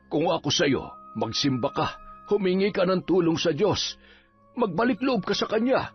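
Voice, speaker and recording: A man voicing a grumbling, teasing middle-aged village folk healer, gruff and nagging with comic moments. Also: high-pitched, lively intonation, moderate pace. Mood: scolding. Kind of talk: Filipino audio drama acting. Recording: dull lo-fi with faint music.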